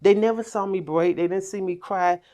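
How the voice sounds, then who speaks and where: A middle-aged woman telling a personal story on a podcast, animated, acting out quoted voices. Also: medium pitch, normal speed. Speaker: podcast guest. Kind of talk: casual storytelling.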